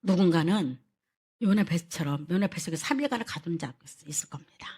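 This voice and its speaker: A woman pastor preaching a sermon, telling stories in an animated way and addressing the congregation directly. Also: lowish voice, brisk, breathy edge.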